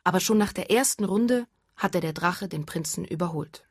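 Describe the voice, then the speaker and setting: A woman reading a fairy tale aloud in a calm, even storytelling manner. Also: lowish voice, normal speed, slightly rough, dry recording, studio quality.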